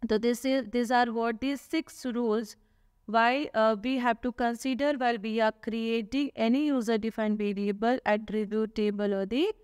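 A woman's voice: a little high, fairly even intonation, moderate pace, a little mellow, clear, resonant tone, dry recording, clean studio sound. A woman teacher narrates a slide lesson, explaining patiently, asking herself questions and often adding "okay?". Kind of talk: slide lecture. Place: voice-over on slides.

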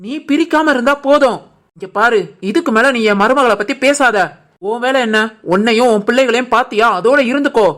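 A woman voicing a protective older mother-in-law in an animated family cartoon, firm and scolding, with a Tirunelveli Tamil accent. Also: fairly high pitch, fairly quick, natural voice. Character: caring older mother-in-law, protective, stern with her daughter.

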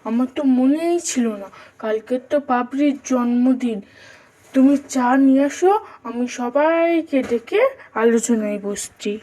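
A woman voicing an easygoing, sleepy husband in a doll-play drama, talking slowly and drowsily. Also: sits high, mellow, pitched above the performer's own voice, poor audio. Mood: agreeable.

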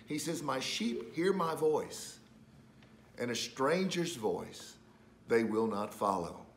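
A man preaching a sermon as host of a ministry, calm when reading scripture and climbing to loud, high-pitched urgency as he presses his point. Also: slow, a little hiss or hum.

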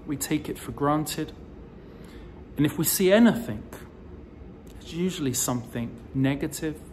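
A man in his forties giving a recorded sermon as a rabbi, telling the story slowly with emphatic rises, filmed close up on a phone indoors. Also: fairly high pitch, a little mellow, slight background noise. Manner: slow, deliberate storytelling delivery with emphatic rises. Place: indoors in front of a decorative wall. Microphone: phone or camera close to the face, selfie framing.

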